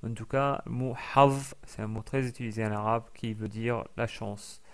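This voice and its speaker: A man teaching a lesson in French, explaining slowly with many fillers and restarts and carefully sounding out each letter. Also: medium pitch, fairly even intonation. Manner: carefully over-articulates sounds being taught. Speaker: Arabic teacher. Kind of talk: recorded language lesson.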